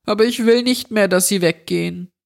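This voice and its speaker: A man's voice: high voice, brisk, vocal fry, pitched above the performer's own voice. Man doing a trembling frightened little boy. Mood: scared. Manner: trembling, pleading.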